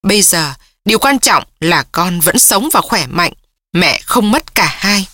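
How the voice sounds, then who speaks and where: A woman narrator voicing a grieving middle-aged mother, soft but firm and controlled. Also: lowish voice, lively intonation, a little slow, no echo, studio quality, full character voice.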